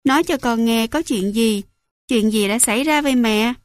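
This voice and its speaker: A woman reads a scared young soldier, pleading and high-pitched, dry close sound. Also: dry recording, natural voice. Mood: urgent. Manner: pleading, rushed questions. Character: anxious young man, a soldier cook on the phone.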